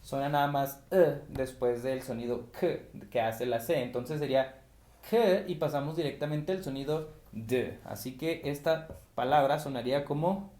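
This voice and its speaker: A man's voice: mid-range voice, a little mellow. Man teaching pronunciation in an echoey room. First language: Spanish. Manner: explanatory, repeats example words slowly. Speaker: English teacher. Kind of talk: pronunciation lesson.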